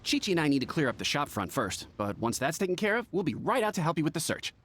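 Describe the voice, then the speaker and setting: A man voicing a brisk, helpful pharmacy assistant in an anime game. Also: a little high, very animated, a bit bright, slight background noise.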